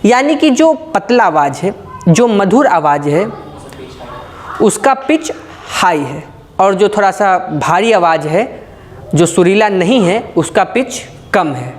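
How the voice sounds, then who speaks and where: Speaking with a high, very animated voice at a slow pace, this man lectures a physics class in a folksy way. He poses his own questions, answers them with everyday examples, and keeps checking that students follow, over a faint hiss or hum.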